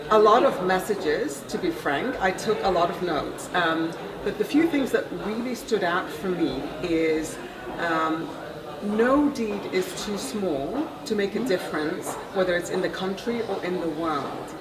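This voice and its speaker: A woman attending a conference, giving thoughtful feedback in an interview with frequent pauses. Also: fairly low pitch, animated. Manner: thoughtful, measured, frequent ums. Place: busy conference venue. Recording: roomy, distant, loud crowd behind.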